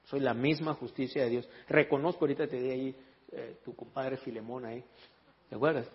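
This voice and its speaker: Husky preacher in an echoey church hall. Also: male voice, medium pitch, brisk. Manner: animated storytelling, joking with the congregation; reads scripture in English and Spanish. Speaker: pastor. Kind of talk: sermon. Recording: echoey hall, dull lo-fi sound.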